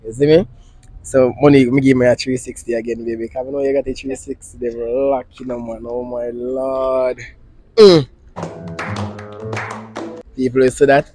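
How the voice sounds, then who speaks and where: A man's voice: medium pitch, little pitch movement, normal speed, pauses often, soft background music. A young man, interviewing people on a street at night with a handheld mic, playful and teasing. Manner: playful, teasing, loud bursts.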